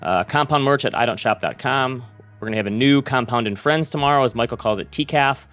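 A man's voice: mid-range voice, brisk, fairly bright tone. A man hosting a podcast in a casual, conversational style. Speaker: podcast host.

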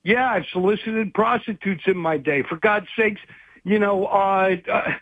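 A man's voice: high-pitched, measured pace, no room sound. A man speaking as a guest investigative journalist, rambling and hesitant, with many restarts, in a phone interview. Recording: tinny phone line.

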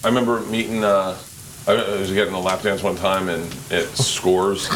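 A man's voice: sits low, level tone, normal speed, fairly bright tone, a little hiss or hum. A man from Philadelphia hosting a casual chat, telling rambling stories and restarting his sentences. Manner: rambling storyteller, restarts often. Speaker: host.

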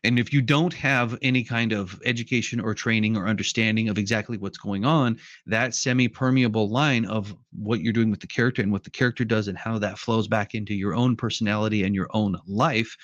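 Man, talky podcast guest, animated storyteller, muffled dry audio. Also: lowish voice, fairly quick, few pauses, no echo. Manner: animated storyteller who acts out quotes. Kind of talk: casual conversation.

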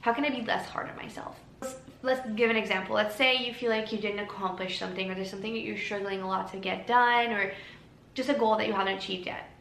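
A woman hosting a solo podcast, talking calmly and gently in an encouraging way. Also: mid-range voice, fast talker, vocal fry. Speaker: podcast host. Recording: echoey room with faint ambient noise.

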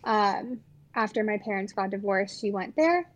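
This woman, a twenties-aged podcast guest from around Los Angeles, speaks at a normal speed with lively intonation and a medium pitch. She's in a casual chat with a friend and lets her thoughts trail off with fillers.

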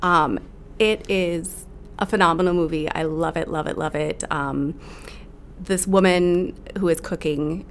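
A middle-aged woman from Illinois chats as a podcast guest, her voice low with a gravelly edge. She talks in a chatty, hesitant way with many fillers. Faint noise sits behind her. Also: fairly even intonation, unhurried. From Illinois, USA. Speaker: guest pastry chef. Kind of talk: casual podcast chat.

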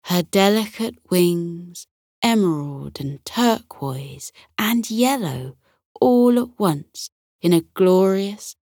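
A woman tells a bedtime story for children in a gentle, soothing way. She reads very slowly with a lively, expressive melody. Her voice sits a little low and sounds close and dry. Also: no echo.

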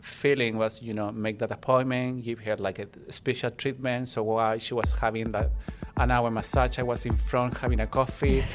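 A man from Chile, a native Spanish speaker with a Chilean accent, chatting warmly as a podcast guest and making small grammar slips. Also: mid-range voice, little pitch movement, normal speed, music in the background. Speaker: guest, international student. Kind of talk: casual personal storytelling.

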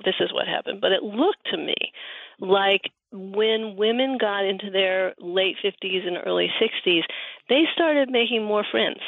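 A woman interview guest answering conversationally in a halting, thoughtful, anecdotal way. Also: mid-range voice, creaky, no echo. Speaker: interview guest, researcher and writer on friendship. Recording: muffled, phone-like narrow band.

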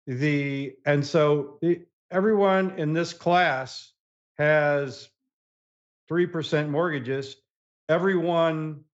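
A man's voice: fairly high pitch, muffled recording. A man being interviewed as an economic analyst, explaining his points with many fillers and restarts. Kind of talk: podcast interview answers.

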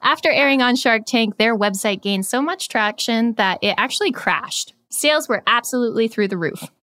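A woman's voice: a little high, lively intonation, moderate pace, fairly bright tone, no room sound. Woman host with a dry close sound. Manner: recaps with dramatic reveals, laughs often. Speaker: podcast host. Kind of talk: casual podcast chat.

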